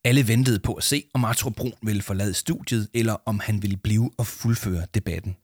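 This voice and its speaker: A man reading a children's audiobook as narrator in a steady storytelling manner. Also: lowish voice, slightly rough, no echo, studio quality. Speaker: audiobook reader. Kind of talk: scripted narration.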